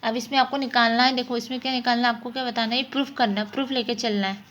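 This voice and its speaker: A woman with a slightly high, rather even, somewhat bright voice talks quickly as she teaches a math lesson. She walks through problems step by step in an informal way, frequently posing questions and then answering them herself.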